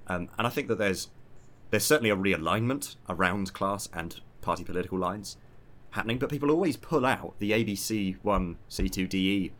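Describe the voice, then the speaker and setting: A man with a modern southern English accent, talking politics casually but analytically. His voice is on the low side and he moves very quickly through academic terms in informal sentences. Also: fairly bright tone. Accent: modern British, southern English. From southern England.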